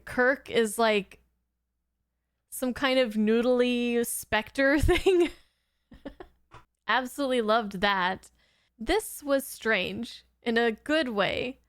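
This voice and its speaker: On a dry, clean studio recording, a woman with a fairly high, clear and resonant voice speaks slowly with frequent pauses. She hosts a reaction channel, offering casual commentary in a giggly, rambling, informal way.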